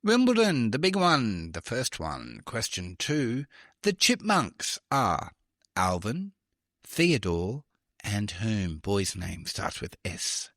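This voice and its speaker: A man's voice: lowish voice, wildly swooping pitch, slow, a bit bright, no room sound, clean studio sound. A man hosting a trivia podcast, reading questions with chatty, self-deprecating asides. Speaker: quiz podcast host.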